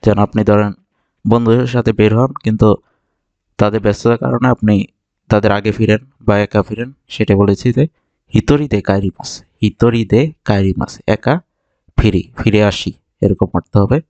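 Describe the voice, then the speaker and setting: A man from Bangladesh teaching vocabulary, explaining patiently and repeating each word slowly for learners. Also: on the low side, fairly even intonation, a little mellow, no room sound, muffled recording. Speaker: Japanese language teacher. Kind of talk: vocabulary lesson narration.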